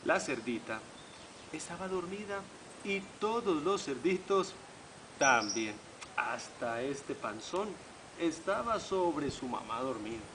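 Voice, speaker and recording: A man reading a children's picture book to young listeners, slowly and with a lot of rise and fall in his voice. He imitates the animals as he goes. A steady hiss sits under the noisy recording. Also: a little high. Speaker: storyteller. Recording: noisy home video recording.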